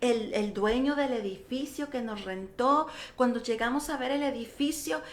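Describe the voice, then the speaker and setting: Woman pastor, high voice, lively storytelling, roomy radio studio echo. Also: normal speed. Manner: animated storytelling, acting out quoted dialogue. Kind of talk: radio interview, personal testimony.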